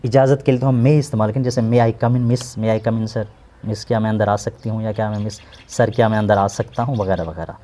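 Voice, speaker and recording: A man's voice: fairly low pitch, steady tone, dark tone. Patient male teacher. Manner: patient, repeats and glosses each word slowly. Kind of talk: explaining an English textbook lesson.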